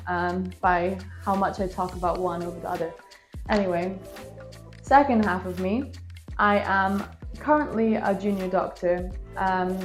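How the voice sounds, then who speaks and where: A young woman in her twenties, raised in Scotland, chatting casually to camera in a rambling, self-deprecating way, recorded on a phone with a small microphone. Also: medium pitch. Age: 20s. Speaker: vlogger. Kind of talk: casual vlog talk to camera. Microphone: phone with plug-in microphone.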